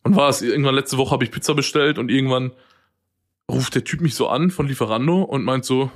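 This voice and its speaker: A young man co-hosting a podcast, chatting casually and telling lively stories in which he acts out both sides of each conversation. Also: mid-range voice, a little fast. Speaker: podcast co-host. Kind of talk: casual chat.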